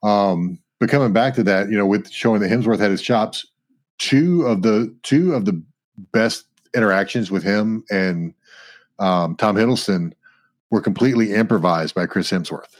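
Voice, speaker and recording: Man, lower pitch, podcast co-host, enthusiastic scene-by-scene movie talk. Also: moderate pace. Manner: enthusiastic, recounts scenes, often breaks into quoted lines. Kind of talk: casual movie chat.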